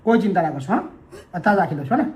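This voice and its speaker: A man's voice: high-pitched, big pitch swings, very fast, a little mellow. A man hosting a vlog who interviews elderly arrivals, questioning them and reassuring them. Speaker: old-age home host.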